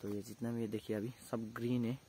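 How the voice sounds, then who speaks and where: Filming on a phone held at arm's length, a young man gives a casual walking tour of his hillside vegetable farm, plainly pointing things out one by one. His medium-pitched voice has little pitch movement, a warm tone, and a slightly fast pace. There's slight background noise.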